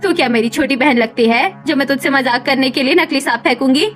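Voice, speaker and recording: A woman's voice: high-pitched, fairly quick, fairly bright tone. A woman voicing a cruel old village mother-in-law in a cartoon story, harsh and taunting. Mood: harsh scolding.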